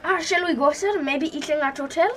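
A woman's voice: sits high, fairly quick, a little hiss or hum, close to an everyday voice. A woman playing an eager, deferential Indian male tour guide with an Indian accent and polite broken English, in a comedy drama. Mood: apologetic, placating.

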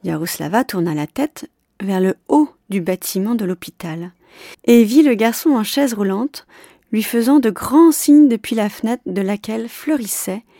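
A woman narrating a children's storybook in a steady, clear reading voice. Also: mid-range voice, moderate pace, dry recording, clean studio sound.

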